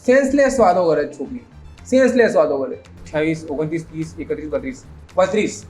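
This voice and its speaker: High-voiced sarcastic man ranting. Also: expressive, a little fast, darkish tone, faint music behind. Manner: mixes English phrases into his talk. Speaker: meme reaction host. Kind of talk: casual reaction commentary.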